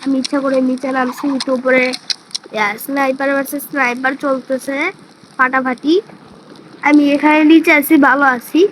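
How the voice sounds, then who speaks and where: A woman giving chatty, excitable gameplay commentary and talking to her viewers. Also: high voice, moderate pace. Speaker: gaming streamer. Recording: noisy background hiss.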